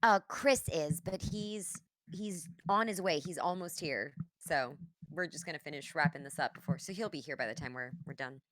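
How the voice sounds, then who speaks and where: A woman's voice: deep voice, moderate pace, a bit bright, dry recording. A woman hosting a voice-acting live read over a video call, introducing the cast in a teasing, upbeat way. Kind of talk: casual chat introducing the cast. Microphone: video call microphone.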